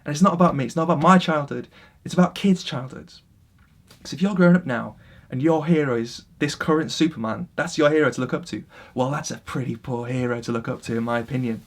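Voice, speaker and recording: A man vlogging a casual opinion rant to camera, passionate and animated, swinging between loud outbursts and quiet asides. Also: medium pitch, quick pace.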